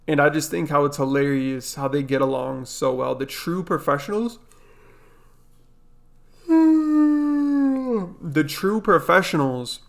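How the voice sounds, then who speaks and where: A man's voice: medium pitch, creaky, a bit bright. A young man hosting a reaction video, talking casually with lots of fillers and repeating himself. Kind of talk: casual commentary.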